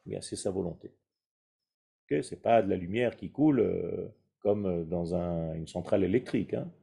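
A man's voice: low-pitched, moderate pace, gravelly, warm tone, slightly rough. A man giving a spoken Kabbalah lesson, explaining patiently with rhetorical questions and Hebrew terms mixed in. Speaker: Kabbalah teacher.

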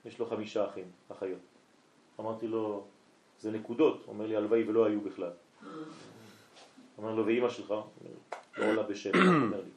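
A man's voice: fairly low pitch, level tone, pauses often, mellow. A man, a rabbi, telling a story during a night lesson and acting out both sides of a conversation. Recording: echoey room.

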